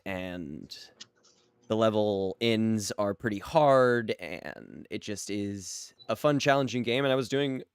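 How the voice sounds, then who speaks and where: A man hosting a casual podcast interview, rambling and halting, with a slightly gravelly, tired voice after a late night. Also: on the low side, no echo, clean studio sound. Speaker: podcast host.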